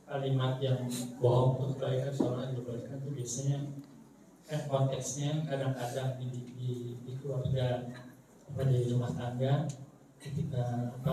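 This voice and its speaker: A man hesitantly asking a preacher a question, pausing often with fillers. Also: mid-range voice. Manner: hesitant, halting, many fillers. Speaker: audience questioner. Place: mosque. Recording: distant mic, echoey hall, noisy.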